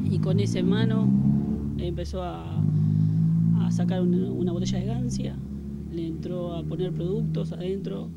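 A woman with an Argentine Rioplatense accent, recounting a family tragedy in an interview, with halting speech and many fillers. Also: on the low side, gravelly, heavy background noise. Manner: halting, filler-heavy retelling. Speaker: victim's relative giving testimony.

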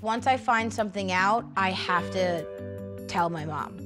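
A woman, the host's daughter, chatting casually and quickly about family news. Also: medium pitch, music in the background.

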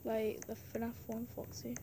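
A woman's voice: on the high side, completely flat delivery, a little slow. A young girl rambling through casual gameplay commentary, full of "like" and "um", over faint background noise. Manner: rambling, many fillers. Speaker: let's play host.

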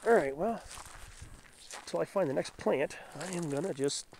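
Walking a mountain forest in the predawn dark, this Southern California nature vlogger casually identifies plants at a moderate pace, his tone musing and easygoing. A lingering head cold has left his voice raspy and lower than usual. It's captured on outdoor camera audio with background noise audible.

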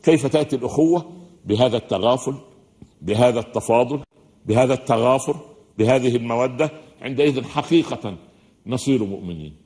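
An Egyptian-accented man delivers a religious lecture to an audience in a hall. He talks quickly, switching between formal phrasing and colloquial asides and often stopping to ask the room a question. His voice sits at a plain middle pitch for a man. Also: warm tone. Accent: Egyptian Arabic. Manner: fast-talking, says listeners are used to his speed; mixes classical and colloquial speech, asks the audience questions. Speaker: preacher giving a lecture.

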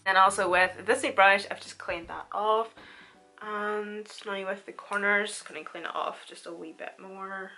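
Beauty vlogger: woman in her twenties, crisp bright tone, informal and chatty, mid pitch. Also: a little slow, soft background music. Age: 20s. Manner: informal, chatty, animated storytelling. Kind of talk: casual chatty makeup tutorial. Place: small room at home, indoors.

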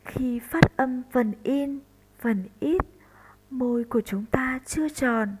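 A woman primary school teacher from northern Vietnam giving a slow recorded lesson for first graders, spelling out sounds deliberately. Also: high-pitched, a little hiss or hum, poor audio.

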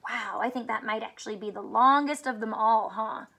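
A woman in her thirties, speaking with a fairly high pitch, vocal fry, and a sharp tone at a moderate pace, reads a children's picture book aloud. Like a teacher, she explains simply and puts questions to young listeners, indoors in a small furnished room at home.

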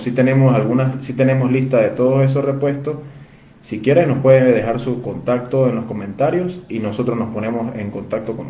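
A man's voice: medium pitch, mellow. A man from Venezuela, selling phone parts and courteously answering viewers' questions in a live Q&A. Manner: courteous, addresses viewers as "usted". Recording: roomy echo, faint ambient noise.

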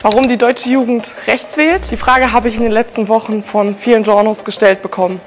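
A young woman delivering a promotional pitch straight to the audience in an advert. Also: steady tone, brisk. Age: young adult. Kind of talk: promotional magazine and shop advert. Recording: music bed under the voice. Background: music.

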